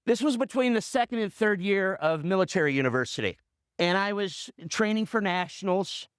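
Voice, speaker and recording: A man in his fifties, a coach and radio host, telling a motivational story in an animated way with punchy repetition. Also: sits high, clear, resonant tone, dry recording, clean studio sound.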